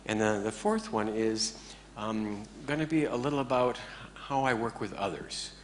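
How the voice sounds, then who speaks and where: A man teaching a class in a relaxed, joking way, often checking in with his listeners. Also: on the low side, normal speed, slight background noise. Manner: joking, conversational, keeps checking in with the audience. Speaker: meditation teacher. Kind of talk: informal talk to a class.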